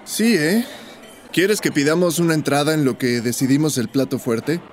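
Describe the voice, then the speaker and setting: A man's voice: fairly high pitch, normal speed. A man with a Mexican accent, talking in an easygoing way in a scripted dialogue. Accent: Mexican Spanish. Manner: easygoing, conversational. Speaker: character Roberto in a teaching dialogue.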